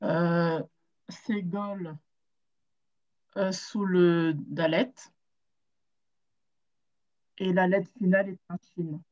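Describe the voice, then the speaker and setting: A woman's voice: on the low side, steady tone, a little mellow. A woman student in a language class, hesitantly reading out vowel signs. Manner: hesitant, slow. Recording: dull lo-fi sound.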